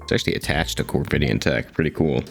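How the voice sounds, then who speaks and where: A man's voice: rumbling low, fast, creaky. A man playing a tabletop role-playing game, talking casually through what his character does. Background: soft guitar music.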